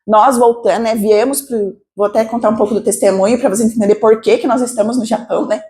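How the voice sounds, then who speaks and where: A Brazilian woman missionary preaching a sermon to a congregation, with a Brazilian Portuguese accent, asking lively rhetorical questions. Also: a little high, fast talker, a little hiss or hum. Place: church service.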